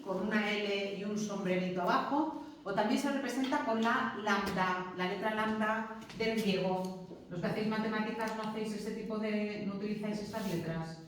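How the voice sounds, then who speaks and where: A woman teaching a class, patient and explanatory, often checking in with her students. Her voice comes from a distance in a very echoey classroom with faint ambient noise. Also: medium pitch. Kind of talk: classroom lecture. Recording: very echoey classroom, mic far off.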